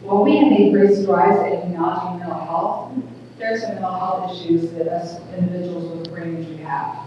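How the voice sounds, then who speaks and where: Middle-aged woman, small thin voice, earnest halting public speaker, distant mic in a long-reverb hall. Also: fairly low pitch, fairly even intonation, a little hiss or hum. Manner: earnest, plain-spoken, halting restarts. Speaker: speaker at a community awareness event. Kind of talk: public talk. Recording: echoey hall recorded from afar, dull.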